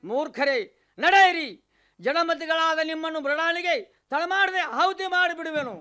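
A boastful, threatening demon. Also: male voice, extremely high pitch, moderate pace, bright, forceful tone, soft background music. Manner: theatrical, threatening, declamatory. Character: boastful cruel male demon, menacing and loud. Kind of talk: mythological radio play acting.

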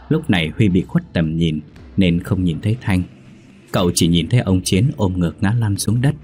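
A man narrating a ghost story in a steady, measured reading voice. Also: sits low.

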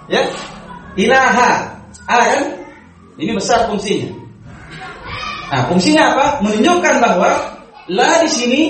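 High-voiced man teaching in an echoing hall. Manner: keeps quizzing the audience with short checks; explains grammar rules step by step with repetition. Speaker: Islamic religious teacher. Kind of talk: religious study lecture. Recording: very echoey room, voice from far off, faint background noise.

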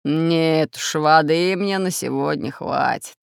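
A storybook narrator voicing a greedy, grumbling red-bearded pirate captain in a slow, gravelly voice. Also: medium pitch, no echo, clean studio sound.

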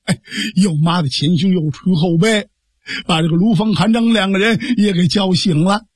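A man performing traditional storytelling in a lively, dramatic way. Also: high-pitched, moderate pace, husky, dry recording. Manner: lively, dramatic, full of sound effects.

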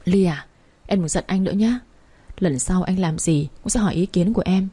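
Woman doing a nervous pleading young man, husky, storybook voice. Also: on the low side, normal speed, warm tone. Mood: tender. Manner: pleading, fretful. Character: anxious fond young man, easily scared.

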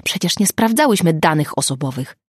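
Zuza, a brisk take-charge friend, as a woman reads her. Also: low voice, lively intonation, slightly rough, no room sound, clean studio sound. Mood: urgent. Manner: brisk and assertive. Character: sharp, decisive woman friend taking charge.

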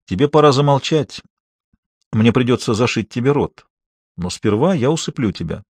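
A man reading an audiobook, voicing a calm, coldly menacing male captor who speaks in measured, clipped phrases. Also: mid-range voice, breathy edge, no echo.

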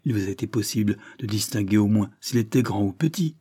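Un homme lit le rôle d'un officier de police qui interroge avec insistance dans un roman. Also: male voice, fairly low pitch, brisk, warm tone, breathy edge, no room sound, studio quality. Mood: insistent. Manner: insistent, probing. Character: insistent male police officer questioning a witness.

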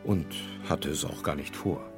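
A man giving scripted documentary narration in a measured, varied way. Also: rumbling low, music in the background.

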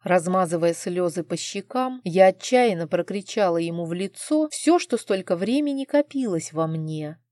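A woman reads a first-person novel aloud in a mellow, warm voice. The sound is dry and close, with no room around it. Her reading is emotional and heartfelt throughout. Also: fairly low pitch, lively intonation, normal speed, hardly any pauses, dry recording. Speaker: audiobook narrator.

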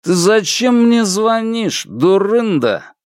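A lazy, mocking young man, as a male narrator plays him in an audiobook. He drawls slowly in a slightly raised, lively voice, sneering at whoever he talks to. The sound is close and dry. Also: high-pitched, no echo, pitched above the performer's own voice, exaggerated voice. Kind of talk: audiobook character voice.

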